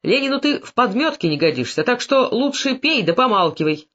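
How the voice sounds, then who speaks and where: A man's voice: extremely high pitch, big pitch swings, fairly quick, a bit bright, pitched above the performer's own voice, heavily acted. A man voicing a boastful hot-headed Cossack soldier. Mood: angry. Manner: boastful, then furious and threatening. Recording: dull lo-fi recording.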